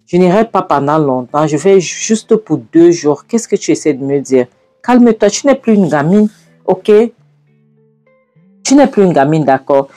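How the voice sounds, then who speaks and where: An impatient, scolding mother repeats herself in sharp, exasperated bursts, voiced by a woman. Her voice is warm and rather low, and faint music plays behind her. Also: animated, unhurried.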